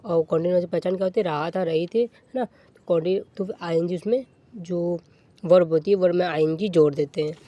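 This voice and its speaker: A male teacher giving a grammar lesson, asking questions and answering them himself, repeating each rule and slowing down to dictate example sentences. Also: high voice, mellow, lo-fi sound. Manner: asks and answers own questions, repeats rules.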